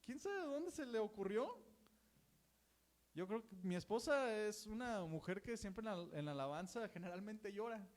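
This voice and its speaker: A man's voice: high-pitched, expressive, moderate pace. A man with a Mexican Spanish accent preaching a conversational sermon and acting out the voices of gossiping churchgoers.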